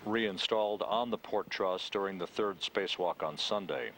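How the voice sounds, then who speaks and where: A man giving live mission control commentary in a measured, formal announcer manner with pauses. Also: deep voice, a bit bright, slight background noise, low-quality recording.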